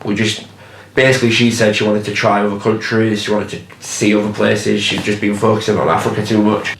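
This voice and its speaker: A man's voice: lowish voice, flat delivery, brisk, creaky, fairly bright tone, a little hiss or hum. A man, talking candidly and casually, swearing freely, in a documentary interview. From Hull, England. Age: 20s. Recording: roomy sound with background music.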